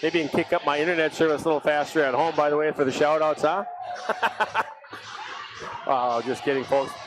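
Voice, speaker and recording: Man, middle-aged, live hockey play-by-play, high-pitched, noisy arena recording. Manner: rapid, excitable calls that jump high on big saves. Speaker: play-by-play announcer. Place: ice arena broadcast booth.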